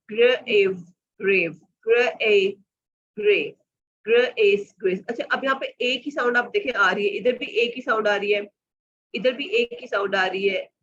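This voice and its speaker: A woman teacher trainer running an online lesson, slowly sounding out letters and blends and switching between Hindi and English phrases. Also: on the high side, fairly bright tone, recorded from a distance, highs cut off. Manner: slow, drawn-out sounding out of phonics sounds. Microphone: computer or phone mic on a video call.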